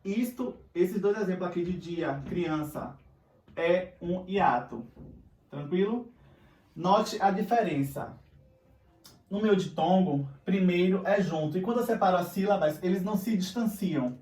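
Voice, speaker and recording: A man with a Brazilian Portuguese accent teaches a recorded grammar lesson, patiently checking in with his students again and again. His voice is high-pitched and darkish in tone at a normal speed, and he sits far from the mic in an echoey room.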